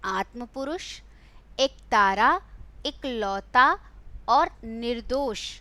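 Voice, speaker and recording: A young woman with a high, bright voice leads an online exam-prep class. She quizzes her students one question at a time and coaxes them along with a fond, teacherly warmth. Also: drawn-out words, dry recording. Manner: coaxing, quizzing students and calling them beta. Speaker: Hindi teacher.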